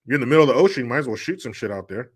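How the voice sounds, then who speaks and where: A man's voice: mid-range voice, expressive, racing, slightly rough. A man hosting a casual live stream, bantering loosely with viewers and swearing freely. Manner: laid-back, profane banter.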